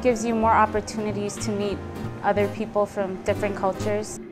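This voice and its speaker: A young woman from Fiji, a student lighting technician, speaks in a soft, filler-laden documentary interview. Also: medium pitch, level tone, brisk. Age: young adult. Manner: soft-spoken with frequent "um" fillers. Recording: music bed under the voice.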